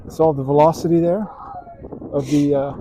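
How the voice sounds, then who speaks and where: Upbeat male play-by-play voice, fairly high, casual sideline commentary, noisy outdoor field. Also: steady tone, moderate pace, mellow. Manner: upbeat, calls plays then chats casually with fillers. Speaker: play-by-play announcer. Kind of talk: youth softball play-by-play commentary. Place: outdoor youth softball game.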